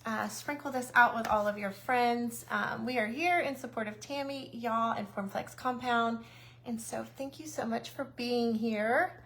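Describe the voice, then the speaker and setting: A woman's voice: on the high side, a bit bright, a little hiss or hum. A woman hosting a casual craft livestream, chatty and a little nervous, greeting viewers by name.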